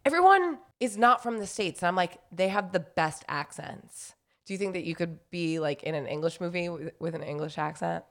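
A woman's voice: lowish voice, lively intonation, normal speed, fairly bright tone. A young woman co-hosting a podcast in casual chat, laughing and teasing as she talks. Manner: giggly, teasing. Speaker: podcast co-host.

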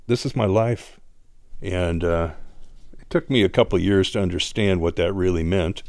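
An older man, a portrait artist, speaking slowly and quietly with heartfelt reflection in an interview. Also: low-pitched, dry recording, clean studio sound.

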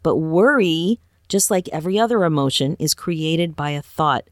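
A woman with a low, deep voice hosts a motivational podcast as a life coach. She talks earnestly and encouragingly and keeps asking her listeners rhetorical questions. The sound is close and dry, with no room around it. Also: lively intonation, moderate pace, dry recording.

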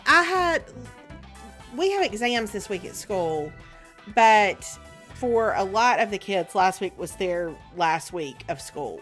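A middle-aged woman with a Southern US accent chatting casually as a podcast co-host, in a rambling, halting way. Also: on the low side, fairly bright tone. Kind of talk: casual chat.

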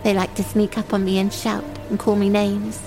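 A woman's voice: mid-range voice, little pitch movement, normal speed, music in the background, close to an everyday voice, rough recording. A woman playing a lonely, timid young runaway in an audio drama monologue, speaking in simple, naive, confiding phrases. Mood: fearful, subdued. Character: lonely, timid young runaway waiting for a train, childlike and wistful.

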